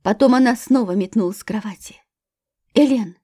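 Husky-voiced woman reading a thriller. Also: a little high, moderate pace, mellow, no room sound, clean studio sound. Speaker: audiobook narrator. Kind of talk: scripted thriller narration.

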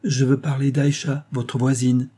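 A man voicing a noble young wife, gentle but resolute, in an audiobook reading with an earnest, solemn manner. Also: mid-range voice, normal speed, breathy edge, natural voice.

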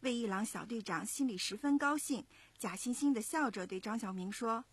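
A woman in her thirties, a mother, narrating a children's story in an expressive, measured way. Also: fairly high pitch, husky, dry recording. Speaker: parent storyteller.

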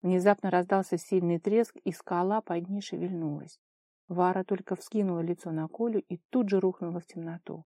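A woman narrating a fantasy novel in a steady storytelling voice. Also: fairly low pitch, moderate pace, no room sound, clean studio sound. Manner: steady storytelling, lively dialogue. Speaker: audiobook narrator. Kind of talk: scripted narration.

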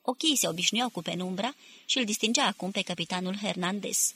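Husky-voiced woman narrating an audiobook. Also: mid-range voice, bright, forceful tone. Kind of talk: scripted literary narration.

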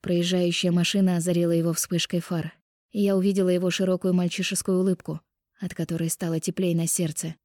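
A woman reading a first-person romance audiobook in an expressive, intimate way on a close microphone. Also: on the low side, brisk, no echo. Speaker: audiobook narrator.

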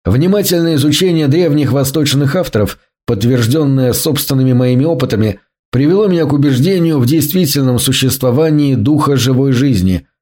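A man voicing a calm, coldly determined male scientist in an audiobook, with a measured, lecturing delivery. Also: medium pitch, lightly acted. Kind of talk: audiobook reading.

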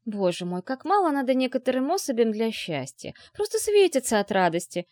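A woman reading a first-person comic novel aloud, lively and playful, lifting her voice for quoted characters. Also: a little high, fairly quick, no room sound, studio quality. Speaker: audiobook narrator.

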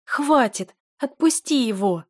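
A woman voicing a young duke's daughter in an audiobook, shouting and pleading through tears. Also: a little high, expressive, slow, no room sound, clean studio sound, voice pushed up. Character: furious, tearful young noblewoman, a duke's daughter.

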